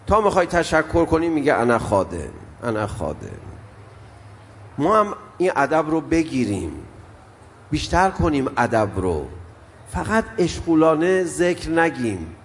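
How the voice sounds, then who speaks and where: An older man preaching an emotional mourning sermon, telling stories that swell and drop in intensity. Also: fairly high pitch. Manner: storytelling, swells and drops in intensity. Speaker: preacher reciting mourning elegy. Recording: long hall reverb, faint background noise.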